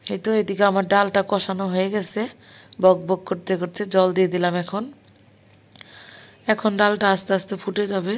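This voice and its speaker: Hoarse young mother vlogging at home. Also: lowish voice. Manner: chatty, talks while doing housework and cooking. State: hoarse from a cold. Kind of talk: casual vlog narration. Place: home kitchen.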